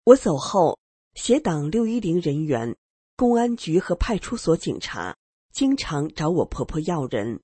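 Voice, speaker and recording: A woman narrating a first-person story on a radio program, earnest and expressive. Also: low-pitched, measured pace, slightly rough, no room sound.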